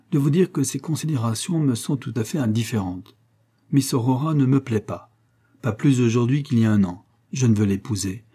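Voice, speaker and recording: A man's voice: medium pitch, warm tone, breathy edge, natural voice. A man voicing a dignified young son who speaks formally and firmly. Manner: formal, firm, polite.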